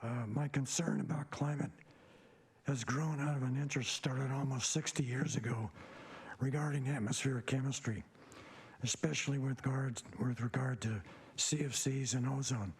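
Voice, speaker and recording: A man in his seventies with a hoarse, raspy, papery near-whisper, giving a prepared self-introduction in a halting, measured way. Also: medium pitch, steady tone. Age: 70s. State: hoarse, recovering voice after a throat tube. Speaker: commission member.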